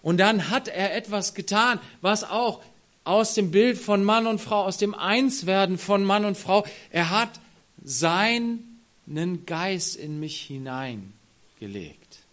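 Impassioned preacher man, hushed to loud. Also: high-pitched, expressive, slow. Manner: swings from hushed near-whispers to loud emphatic rises; addresses the congregation directly. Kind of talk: sermon.

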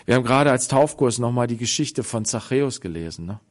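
A man preaching a sermon, telling stories dramatically with sudden swings between loud and soft and acting out the voices of the people in them. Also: medium pitch, animated, quick pace. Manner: acts out the voices of people in the story.

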